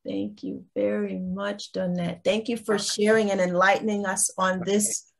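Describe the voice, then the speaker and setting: A woman's voice: medium pitch, flat delivery, unhurried, vocal fry. A woman from Trinidad who grew up in Brooklyn, hosting an online gallery talk in a chatty way, often restarting her sentences. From Trinidad, raised in Brooklyn.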